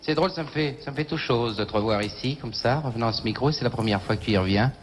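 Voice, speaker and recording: A man hosting a 1960s television show, coaxing a shy young guest in a gentle, paternal way. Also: medium pitch, fast talker. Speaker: TV show host. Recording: faint hiss of 1960s TV audio.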